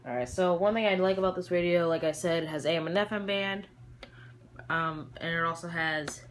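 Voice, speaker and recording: A hobbyist presenter with a feminine-sounding voice giving a casual, halting, rambling show-and-tell in a noisy amateur home recording. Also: mid-range voice, fairly even intonation.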